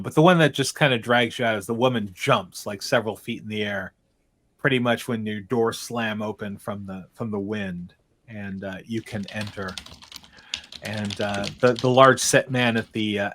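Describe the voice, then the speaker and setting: Man, mid pitch, game master, narrating a tabletop game, halting, lots of ums. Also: a bit bright. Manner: halting, full of ums and uhs.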